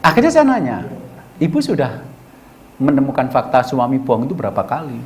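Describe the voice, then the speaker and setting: A man's voice: medium pitch, wildly swooping pitch, a little fast, darkish tone, slight background noise. A middle-aged man giving a colloquial storytelling sermon as a preacher, acting out both sides of the dialogues he recounts.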